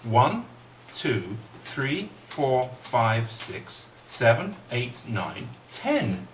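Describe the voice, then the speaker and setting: Very animated yet very slow, a mid-range male voice belongs to a middle-aged kids' party magician. He coaxes the children with playful questions, and the recording sounds roomy, with a distant microphone and faint noise.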